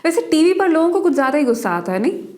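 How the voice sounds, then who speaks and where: A woman's voice: high-pitched, very animated, racing, a little mellow, no room sound. Chatty woman explaining health science. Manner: chatty and playful, speaking straight to viewers. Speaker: host of a health explainer series.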